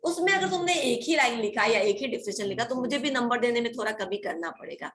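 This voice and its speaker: A woman's voice: fairly high pitch, expressive, quick pace, crowd noise. A woman college teacher giving an online class lecture, explaining firmly and checking in with her students again and again.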